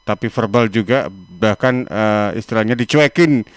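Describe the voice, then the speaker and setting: A man hosting a radio talk show, asking long, measured questions from the studio. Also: fairly low pitch, smooth, dry recording. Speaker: radio host.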